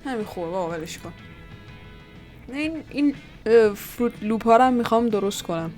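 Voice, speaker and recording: A woman who runs her own channel as a 3D artist gives casual commentary while she works, thinking aloud and muttering to herself as she tries things out. Her voice sits on the high side, animated and slightly mellow, with faint music in the background.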